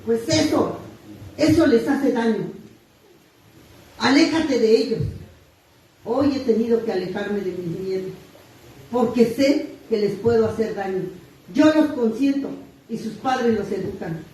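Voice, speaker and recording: A woman's voice: a little high, a little slow, long pauses, mellow. Mexican woman, blunt testimony in echoey hall. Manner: blunt, earthy, self-mocking confession with crude slang. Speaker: sharer at a recovery group meeting. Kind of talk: personal testimony. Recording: echoey distant room mic.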